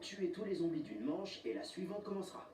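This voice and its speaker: A man voicing a calm, commanding military instructor who gives clipped tutorial orders in a game. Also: sits high, a little fast, recorded from a distance. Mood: instructive. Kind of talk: scripted game voice-over. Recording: echoey game audio captured with noise.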